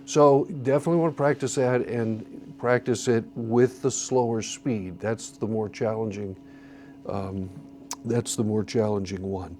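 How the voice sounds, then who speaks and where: A man teaches a church song-leading class, patiently explaining conducting patterns and counting beats out loud. His lowish, mellow voice is steady and unhurried in this classroom instruction.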